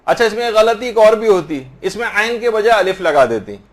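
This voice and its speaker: Man teaching recitation, slightly high voice. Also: lively intonation. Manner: demonstrates recitation slowly, repeating words for correction. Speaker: religious teacher. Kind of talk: lesson on correct recitation.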